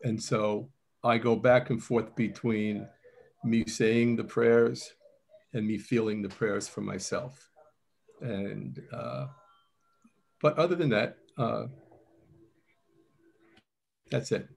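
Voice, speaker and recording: A man taking part in an online class, sharing personal reflections in a halting, thoughtful way. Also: on the low side, creaky, a little mellow. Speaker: class participant. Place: online video meeting.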